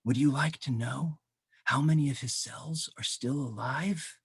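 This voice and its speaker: A man's voice: mid-range voice, vocal fry, slightly rough, dry recording, studio quality. Man reading his own poems aloud. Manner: measured, dramatic reading with slow drawn-out phrases; relaxed, halting asides with frequent ums. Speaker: poet. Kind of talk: poetry reading. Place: home, virtual event. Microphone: video call.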